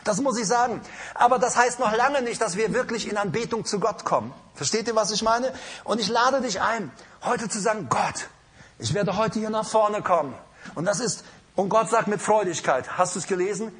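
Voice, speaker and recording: A man's voice: sits high, normal speed, a bit bright, slightly rough. A man preaching an emphatic sermon with an altar call in a church, calling out to the congregation. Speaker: pastor. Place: church hall.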